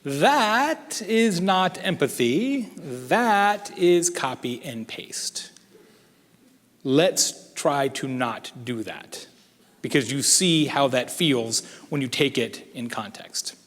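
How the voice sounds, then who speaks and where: A man giving a conference keynote in an animated, conversational and emphatic way. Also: fairly high pitch, slow pace. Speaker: keynote speaker. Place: large conference hall. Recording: echoey hall.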